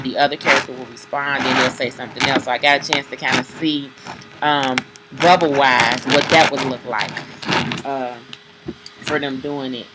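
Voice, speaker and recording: A woman's voice: rumbling low, heavy background noise. A woman giving a casual, rambling spoken review of a comic book, with many fillers and restarts.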